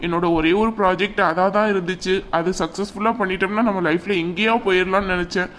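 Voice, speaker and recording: A woman's voice: lowish voice, steady tone, fast talker, fairly bright tone, slight background noise, natural voice. Woman doing a downcast troubled cartoon father. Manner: downcast, apologetic. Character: defeated troubled man, father.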